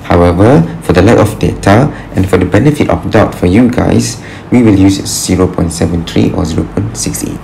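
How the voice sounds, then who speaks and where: Casting note: male lecturer, deep gravelly voice, patient, thinks aloud, faint hiss behind. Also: normal speed, few pauses, a little mellow, poor audio. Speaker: engineering lecturer. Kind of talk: recorded tutorial walkthrough. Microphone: screen recording with voice-over.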